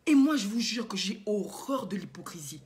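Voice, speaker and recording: A woman's voice: mid-range voice, lively intonation, normal speed, darkish tone. A woman vlogger and coach lecturing her viewers with indignant, emphatic rhetorical questions and lots of repetition. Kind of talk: impassioned moralizing monologue to viewers.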